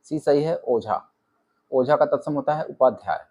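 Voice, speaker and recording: Husky man rattling off quiz answers. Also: medium pitch, moderate pace. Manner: reads options, then states the answer flatly. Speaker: exam coaching teacher. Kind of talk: rapid-fire quiz answer walkthrough.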